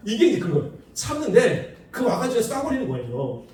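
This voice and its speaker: A man preaching a sermon in a lively, animated way, acting out the people he quotes with laughs. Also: very high-pitched, a little fast. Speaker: pastor. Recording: echoey room, far from the mic.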